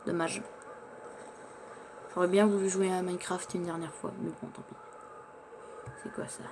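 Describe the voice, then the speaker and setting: This is in-character survival gameplay commentary: a man talks through what he's doing in the game, frequently tripping over his words. His voice sits high with little pitch movement, he keeps a moderate pace, and background noise is audible.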